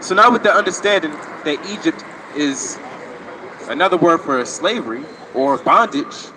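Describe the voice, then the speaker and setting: Street preacher guy, lively highish voice, traffic noise behind him. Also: moderate pace. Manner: emphatic, asks rhetorical questions. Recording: noisy street with passing traffic.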